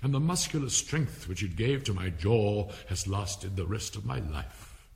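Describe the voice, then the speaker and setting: A man's voice: fairly low pitch, lively intonation, a little slow, gravelly, a little mellow. A man playing an eccentric, boastful, testy old grey-haired father who declaims comic storybook verse. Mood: boastful, jolly.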